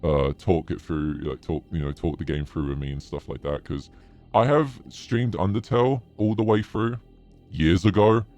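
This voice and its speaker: Possessed-sounding man, extremely deep demonic voice changer. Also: steady tone, moderate pace, a little mellow, faint music behind. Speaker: streamer. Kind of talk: casual livestream chat.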